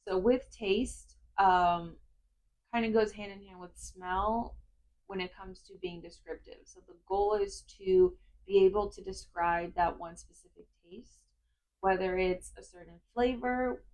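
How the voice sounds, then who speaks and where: A woman calmly explaining a grounding exercise step by step, in the instructional way of a therapist. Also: mid-range voice, low-quality recording.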